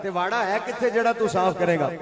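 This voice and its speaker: A man's voice: sits high, a little fast. A male Islamic preacher, giving a sermon that mixes Quran recitation with chanted devotional verse and teasing asides to the audience. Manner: rhetorical, teasing the audience, rising into chanted poetry. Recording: live crowd audible. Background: responsive crowd calling out.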